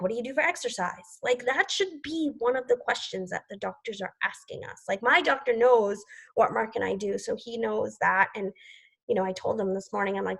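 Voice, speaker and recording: A woman's voice: a little high, poor audio. A woman in her forties leading a group video call, talking casually with lots of "like" and "you know" and laughing often. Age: 40s. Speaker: team leader hosting a group video call. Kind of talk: casual motivational chat.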